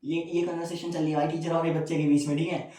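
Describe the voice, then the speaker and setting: A young man who is a stand-up comedian, telling a story in a chatty, animated way and talking to the audience like friends. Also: a little high, fast talker. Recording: roomy, mic at a distance.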